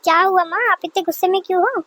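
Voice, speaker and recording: A woman voicing a young married son who soothes his mother and gently scolds his wife, in a dry close recording. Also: very high-pitched, steady tone, fast talker, no echo. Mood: soothing. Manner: soothing, mildly reproachful. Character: young adult husband, mild peacemaking son.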